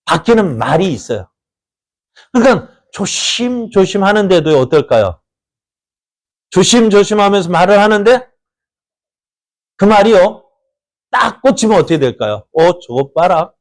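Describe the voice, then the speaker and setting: A man in the pulpit delivers a sermon, his voice sitting a touch above the usual male range. He keeps turning to the congregation with questions and then answers them himself. When he quotes others he lifts his pitch and volume sharply, giving the talk an animated, conversational rise and fall. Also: a little slow, long pauses. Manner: acts out quoted speech with sudden rises in pitch and loudness. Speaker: pastor. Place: church.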